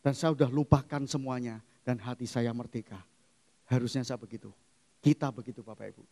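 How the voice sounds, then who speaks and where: A middle-aged male pastor preaching a sermon, emphatic and swinging from quiet asides to loud exclamations. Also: medium pitch, steady tone, brisk. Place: church hall. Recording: long church hall reverb.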